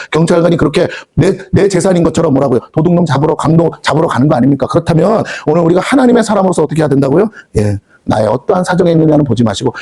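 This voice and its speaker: A man's voice: a little high, darkish tone, slightly rough. A man preaching a Sunday sermon as senior pastor, fervently asking the congregation questions and acting out God's voice in casual speech. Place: church sanctuary.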